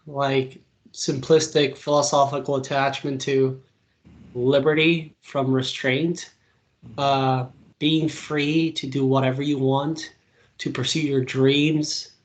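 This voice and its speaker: A young Venezuelan political commentator with a mid-range voice answers interview questions casually and with animation. He uses plenty of fillers and speaks in quick bursts.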